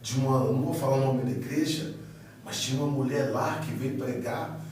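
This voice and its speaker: A man giving a casual spoken testimony as a guest, animated storytelling that acts out quoted dialogue. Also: mid-range voice, fairly quick. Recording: echoey room, far from mic, faint noise.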